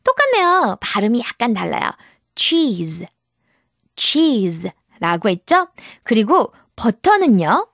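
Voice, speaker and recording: Woman English teacher, encouraging, sing-song, lively pitch, dry close sound. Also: a little slow, no room sound. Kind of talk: online English lesson for children.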